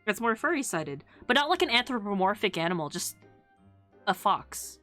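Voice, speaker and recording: A woman's voice: medium pitch, very animated, normal speed, bright, forceful tone. Playful woman streamer with music behind. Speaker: VTuber streamer. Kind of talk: casual livestream chat with viewers.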